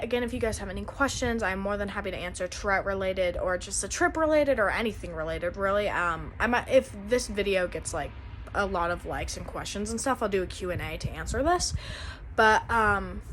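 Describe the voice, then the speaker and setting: A young woman's medium-pitched voice carries a casual, rambling vlog, heavy on "um" and "like." Slight background noise is present.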